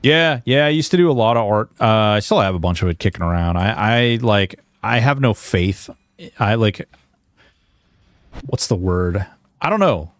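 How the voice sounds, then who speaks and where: A livestreaming gamer in his early forties, with an expressive voice on the low side, chats haltingly and informally to viewers. He's self-deprecating and swears mildly at times, and the recording is dry.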